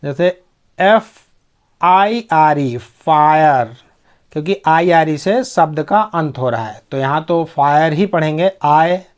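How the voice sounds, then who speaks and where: Male teacher, slightly high voice, slow and methodical, spells out and repeats every word. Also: lively intonation, dull audio. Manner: spells words letter by letter, repeats each word, checks understanding. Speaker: English pronunciation teacher. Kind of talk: spelling-out pronunciation lesson.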